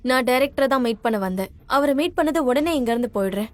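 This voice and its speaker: A young mother fighting for her injured son. She pleads politely and refuses to back down. Her voice is high and clear. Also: animated, quick pace. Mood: pleading. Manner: pleading yet stubborn. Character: poor determined young mother. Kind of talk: dubbed drama.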